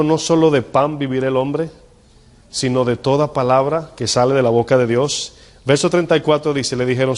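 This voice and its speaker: A man's voice: a little high, long reverb tail. A male pastor preaching a sermon and asking the congregation rhetorical questions.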